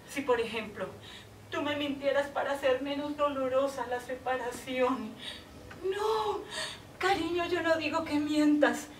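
Brief: actress playing a desperate jilted woman on a phone call, high voice, stage echo heard from afar. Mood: pleading. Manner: emotional, swings between tender pleading and desperate outbursts. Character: heartbroken woman pleading with her departing lover by phone. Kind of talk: stage monologue acting. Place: theater stage. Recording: echoey stage from far off, audible noise.

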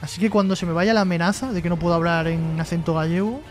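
Man, high voice, live-stream host, jokey reading chat aloud, light music in the background. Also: fairly even intonation, fast. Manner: joking, reads chat messages aloud and replies.

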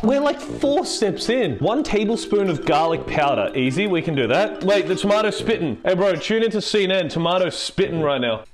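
A man's voice: sits high, animated, fairly quick, few pauses. A tipsy, giggly young man chatting casually to camera in a rambling, sweary way as he cooks in a home kitchen. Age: young adult. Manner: sweary, exclamatory. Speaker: host of a comedy cooking video. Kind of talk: casual chat to camera while cooking. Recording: music playing behind the voice.

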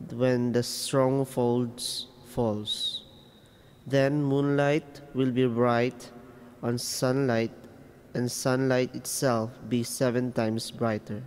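Male church lector, solemn and measured, unhurried mid-pitched reading, long cathedral echo. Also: a little mellow, smooth. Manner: measured, reverent, phrase-by-phrase delivery. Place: inside a church.

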